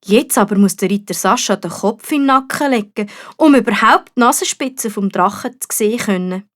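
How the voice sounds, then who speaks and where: A woman's voice: mid-range voice, animated, normal speed. A woman with a Swiss German accent narrating a children's story expressively, as a storyteller.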